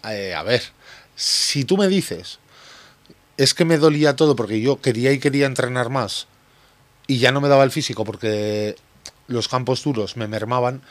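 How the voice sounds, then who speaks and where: A man's voice: mid-range voice, dry recording. A man hosting a casual sports radio debate, blunt and sarcastic in his remarks.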